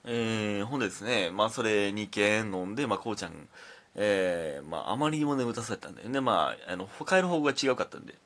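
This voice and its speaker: Laid-back Kansai man, lively low voice. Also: quick pace. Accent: Kansai Japanese. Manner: laid-back, rambling storytelling. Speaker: comedian podcast host. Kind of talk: casual solo talk show.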